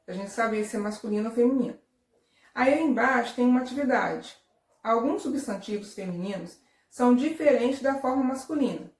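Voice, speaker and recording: A woman's voice: fairly high pitch, animated, fairly quick, darkish tone. A Brazilian woman teaching a recorded lesson to young children, patient and repetitive, often checking "tá?". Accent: Brazilian Portuguese. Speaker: primary school teacher. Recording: echoey room, voice a bit far from the mic.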